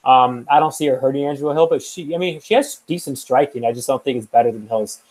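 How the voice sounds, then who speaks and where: A young man talks fight picks in a casual, rambling way, circling back on himself and filling pauses with "um" and "you know". His voice sits at an ordinary middle pitch for a man. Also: darkish tone, poor audio. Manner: rambling, with many fillers and restarts. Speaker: podcast co-host making fight picks. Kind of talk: casual chat.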